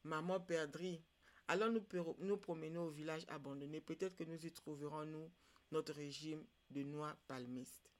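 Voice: medium pitch, fairly even intonation, moderate pace, close to an everyday voice. A storyteller doing a crafty, greedy parrot. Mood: sly.

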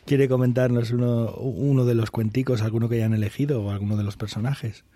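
A man with a Peninsular Spanish accent hosts a relaxed discussion and invites his guests to speak. His voice is mellow and dark. It is recorded close and dry. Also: mid-range voice, a little fast, no echo. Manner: easygoing, prompting guests. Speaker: host. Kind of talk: casual discussion.

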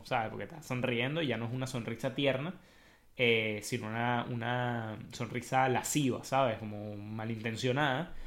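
A man with a Venezuelan accent hosting a casual explanatory monologue, telling it in a colloquial, animated way with slang. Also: medium pitch. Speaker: host.

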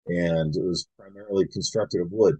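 A man hosting a podcast, telling rambling, animated anecdotes in a casual chat with many fillers. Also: low-pitched, moderate pace, breathy edge, no room sound, rough recording. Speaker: podcast host. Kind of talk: casual conversational storytelling.

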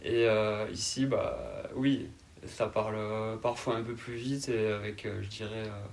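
A man in his twenties with a southern French accent, answering interview questions in a calm, laid-back and hesitant way. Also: on the low side, unhurried, creaky, slight background noise. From south of France. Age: 20s. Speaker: interview guest.

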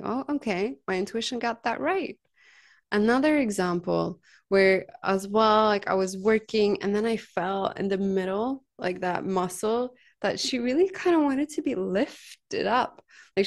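Chatty earnest woman, mid-pitched. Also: vocal fry, darkish tone. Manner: chatty, frequent "like" and "right?" tags; earnest, heartfelt. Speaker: massage therapist and healer. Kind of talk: casual conversational storytelling.

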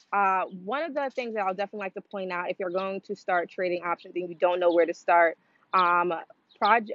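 A woman chats through a casual vlog, loose and rambling, full of "um" and "like". Her voice sits mid-height, recorded dry and close with slightly dull, lo-fi audio. She tells her story in a relaxed, unscripted way. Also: medium pitch, no echo. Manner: rambling, filler-heavy, chatty with frequent "um" and "like"; acts out quoted voices in a livelier tone. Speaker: vlogger sharing her trading story. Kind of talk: casual talking-to-camera vlog.

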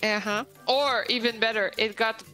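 A woman's voice: fairly high pitch, fairly even intonation, normal speed, bright, forceful tone, faint music behind. A woman chatting casually as a player in a tabletop game.

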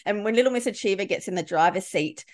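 A woman's voice: mid-range voice, quick pace. A middle-aged woman, a leadership coach, answering a podcast interview in a candid storytelling way with frequent restarts.

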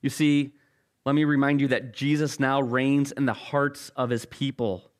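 A middle-aged pastor preaches at a moderate pace in a mid-range voice with little pitch movement. He stays casual and conversational, makes jokes about himself, and often repeats words when starting phrases over.

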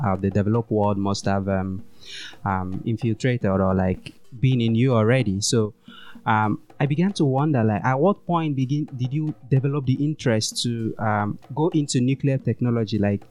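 A man's voice: medium pitch, moderate pace, a little mellow. A man from Africa hosting a podcast, asking long, rambling questions in a casual way. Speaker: podcast host. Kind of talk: casual interview.

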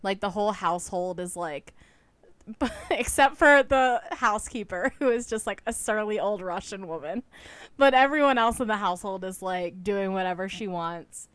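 A woman's voice: medium pitch, normal speed, fairly bright tone, clear, resonant tone, no room sound. A woman hosting a podcast, chatting casually about books and using many "like" fillers. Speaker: podcast host. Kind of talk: casual book chat.

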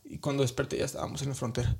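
A man's voice: mid-range voice, flat delivery, very fast, vocal fry, darkish tone. A man with a Mexican accent, a guest earnestly recounting a personal story in colloquial, emotional speech. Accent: Mexican Spanish. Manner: earnest, colloquial, with frequent tag questions and restarts.

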